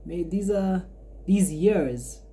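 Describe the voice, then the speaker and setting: A woman's voice: lowish voice, animated, slow pace, mellow. A twenty-year-old woman hosting a podcast, musing aloud in a rambling, reflective way with frequent restarts. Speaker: podcast host and art student. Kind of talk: casual podcast monologue.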